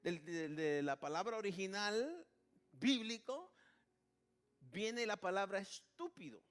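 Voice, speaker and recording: A man's voice: sits high, very animated, slow, a bit bright. A man preaching a sermon in Spanish, who keeps calling out to the congregation and praising Jesus, with many restarts. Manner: repeats "hermano" and "alabado sea el nombre de Jesús", with many restarts.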